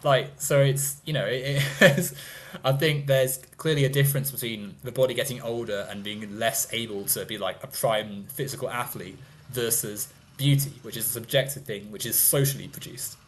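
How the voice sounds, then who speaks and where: A man's voice: mid-range voice, steady tone, normal speed, slight background noise. A man in his twenties in a casual debate, talking in a rambling, hedging way with frequent laughs. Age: 20s. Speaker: guest.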